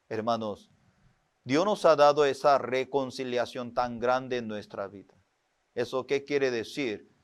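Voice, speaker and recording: Male preacher, Sunday sermon, second-language phrasing, smooth clear voice, unhurried delivery. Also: mid-range voice. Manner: animated storytelling, rising and louder in personal stories. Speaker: pastor.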